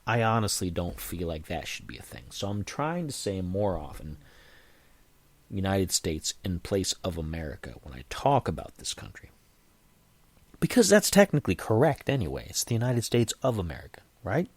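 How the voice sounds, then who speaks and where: A man with a low, lively voice talks through a casual podcast monologue, wandering off on tangents and correcting himself as he goes. He keeps stopping to reassure listeners that he means no offense. The sound is dry and close, with no room to it. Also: normal speed, no echo. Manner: chatty, digressive, often restarts and self-corrects; earnest, reassuring asides to listeners. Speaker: podcast host.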